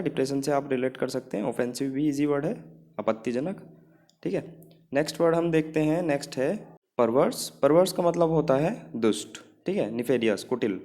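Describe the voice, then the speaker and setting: A man's voice: a little high, mellow. A man teaching English vocabulary in Hindi, mixing in English words and often checking in with "ठीक है" as he gives memory tricks.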